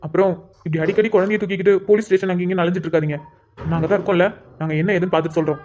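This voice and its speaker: A woman voicing a calm, reassuring male police inspector in a cartoon, speaking steadily and with authority. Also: lowish voice, rapid-fire, highs cut off, slight background noise, natural voice. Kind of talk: cartoon voice acting.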